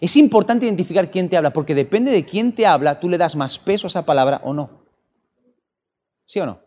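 A preacher delivering a sermon with a lively voice that swings widely in pitch. He keeps asking his listeners questions, and the voice rings through a long church-hall reverb. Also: fairly quick. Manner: animated, with rhetorical questions to the audience.

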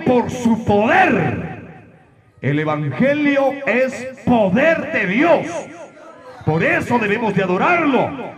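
Male preacher, high and animated, emphatic shouting delivery, live church with the congregation audible. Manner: emphatic, preaching with rhetorical questions and sudden shouts. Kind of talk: sermon.

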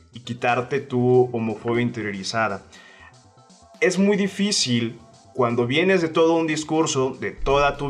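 A man co-hosting a casual chat, explaining his ideas in a thoughtful, measured way. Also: mid-range voice. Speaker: co-host.

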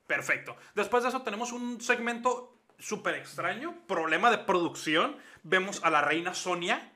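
Man, high voice, very bright and sharp, casual podcast banter, playful. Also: normal speed. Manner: joking, animated, mixes in English. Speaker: wrestling podcast co-host. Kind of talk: casual chat.

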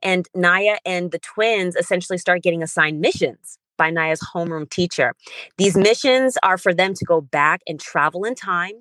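As a podcast guest, this young adult author from Germany, who writes children's books, replies with earnest, flowing enthusiasm. Her lowish voice moves at a moderate pace with a fairly bright tone, free of room sound.

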